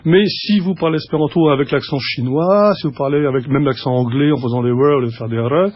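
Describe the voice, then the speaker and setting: A man speaking as a guest on a radio show, explaining patiently and restarting his sentences often. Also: mid-range voice. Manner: explanatory, halting with many restarts and fillers. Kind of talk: radio studio conversation. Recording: dull lo-fi radio recording.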